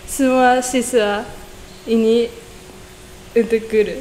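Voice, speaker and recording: A teenage exchange student from Japan with a Japanese accent, a young woman speaking Indonesian as a foreigner in halting, simple phrases as she answers interview questions. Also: on the high side, steady tone, a little mellow. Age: teens. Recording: echoey reverberant room with background noise.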